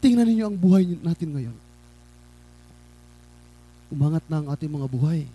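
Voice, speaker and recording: A man preaching a sermon, who swings from loud, high exhortation to low, hushed storytelling. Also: a little slow, husky.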